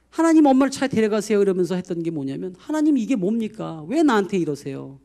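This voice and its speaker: A middle-aged man preaches a heartfelt testimony from the pulpit. His voice sits high for a man and leaps up and down in pitch. He storytells with emotion, jumping from loud bursts to near whispers. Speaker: pastor. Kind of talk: testimony sermon.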